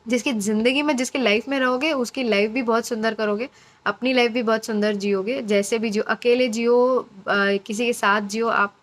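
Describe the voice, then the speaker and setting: A woman's voice: mid-range voice, fairly bright tone. A woman giving a casual, encouraging intuitive reading to her viewers, chatty and repeating phrases for emphasis. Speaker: intuitive card reader.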